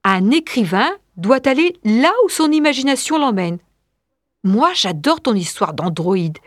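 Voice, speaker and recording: A woman's voice: fairly high pitch, big pitch swings, a little slow, no echo, clean studio sound. A woman reading the lines of an enthusiastic teenage schoolgirl cheering on her friend. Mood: encouraging.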